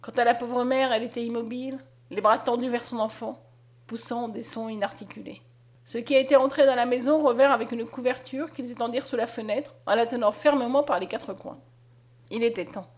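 A woman narrating a story aloud in a dramatic, expressive reading. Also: a little high, a little fast. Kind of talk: scripted audiobook narration.

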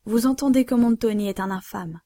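A woman's voice: mid-range voice, steady tone, normal speed, mellow, no room sound, natural voice. A woman voicing a desperate nobleman in love, urgent and imploring, in a read-aloud story. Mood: vehement.

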